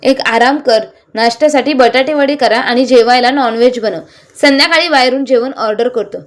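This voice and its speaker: A woman's voice: high voice, fairly quick, close to an everyday voice. A woman reading the lines of a bossy, demanding elderly father-in-law in a storybook.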